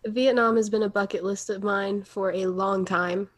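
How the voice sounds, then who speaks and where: A woman's voice: mid-range voice, steady tone, moderate pace. A woman in her twenties co-hosting a casual podcast Q&A, thoughtful and a bit hesitant, with plenty of ums and likes. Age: 20s. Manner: thoughtful, hesitant, lots of fillers like "um" and "like". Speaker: podcast co-host. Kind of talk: casual Q&A chat.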